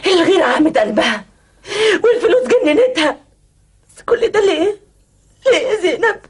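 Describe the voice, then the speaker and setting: A scheming wife in a 1990s Egyptian TV melodrama, moaning and sobbing through fake pain. Her Egyptian voice sits very high and lurches wildly between wails and shrieked accusations. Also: sing-song, a little fast. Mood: wailing hysterical. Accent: Egyptian Arabic.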